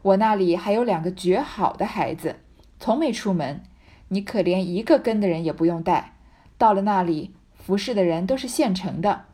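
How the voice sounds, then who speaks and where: A woman voicing a proud young man who calmly masks his anger while setting a trap. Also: medium pitch, moderate pace, natural voice. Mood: coolly scheming.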